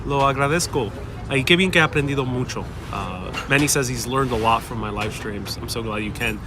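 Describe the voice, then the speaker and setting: A young livestream host who grew up speaking Spanish talks a little fast in a medium-pitched voice, warmly rambling and reading viewer questions aloud. The casual stream is recorded outdoors on a busy city street via a wireless clip-on mic, with the crowd and traffic clearly audible.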